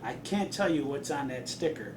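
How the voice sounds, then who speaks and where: A man's voice: lively intonation, normal speed. A man telling a step-by-step anecdote in an interview. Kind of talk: casual storytelling. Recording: roomy, distant mic with rumble.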